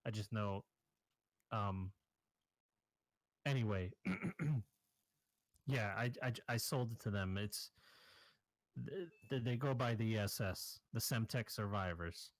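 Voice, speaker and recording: A man's voice: lowish voice, takes it slowly, pauses often, no echo, poor audio. A man voicing a nervous, shady male arms dealer who pleads and dodges questions. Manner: defensive, pleading, evasive.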